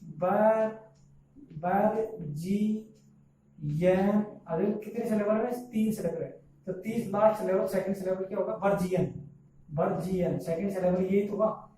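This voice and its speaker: Male teacher, mellow tone, far from the mic in an echoey room, quizzes and answers himself. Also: high-pitched, fairly even intonation, normal speed, slight background noise. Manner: repeats questions and answers them himself. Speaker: English teacher. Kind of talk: classroom-style video lesson. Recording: echoey room recorded from a distance.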